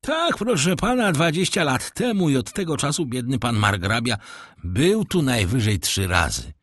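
A man's voice: mid-range voice, sing-song, normal speed, fairly bright tone, slightly rough, dry recording, pitched above the performer's own voice. A man voicing an eager, fawning male house porter in an audiobook reading.

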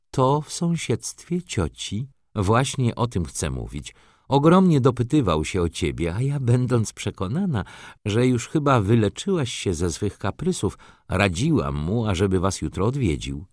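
A man voicing a brisk, gossipy older countess aunt in an audiobook reading. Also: on the low side, no room sound, clean studio sound, pitched above the performer's own voice. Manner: lecturing, gossipy, confident.

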